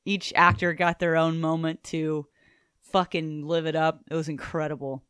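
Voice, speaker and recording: A woman's voice: low-pitched, level tone, moderate pace, a bit bright, clear, resonant tone, studio quality. A woman co-hosting a podcast, chatting casually and animatedly, swearing freely and echoing the others. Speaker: podcast co-host. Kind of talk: casual chat.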